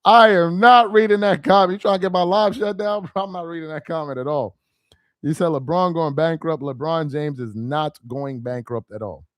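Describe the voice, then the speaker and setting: A young streamer of Nigerian heritage speaks at a moderate pace in a voice on the high side. He reads viewer comments aloud in a casual livestream, directly engaging his chat with animated laughter and exasperation. The sound is clean studio audio without room tone.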